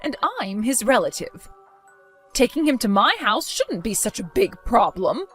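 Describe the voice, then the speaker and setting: A woman voicing a shrill, spiteful mother-in-law. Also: big pitch swings, unhurried, fairly bright tone, slightly rough, soft background music, exaggerated voice. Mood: indignant. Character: spiteful older mother-in-law, defensive and scheming. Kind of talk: dramatized story voice acting.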